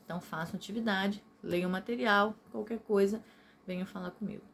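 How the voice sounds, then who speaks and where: A Brazilian woman teacher records a video lesson, speaking at a middle pitch in a patient, explanatory way. She keeps checking in with her students as she goes. A faint hiss of background noise sits under her voice. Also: fairly even intonation, brisk, vocal fry, fairly bright tone. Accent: Brazilian Portuguese.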